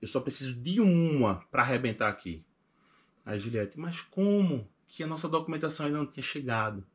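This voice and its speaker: Young Pernambuco-accented man, casual podcast guest, animated storyteller voicing quotes, mid pitch. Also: a little fast. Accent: Pernambuco Portuguese. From Recife, northeast Brazil. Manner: animated, acts out past conversations in quoted voices.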